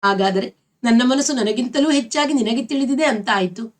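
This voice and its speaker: A woman reading aloud the lines of an earnest young man in love, asking gently and earnestly. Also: fairly high pitch, moderate pace, natural voice.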